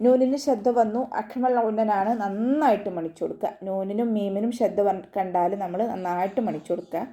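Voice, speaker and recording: A woman's voice: mid-range voice, a little fast, dark tone. A woman teaching Quran recitation in an online lesson, explaining pronunciation patiently, step by step. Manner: patient, step-by-step instruction with frequent tag questions.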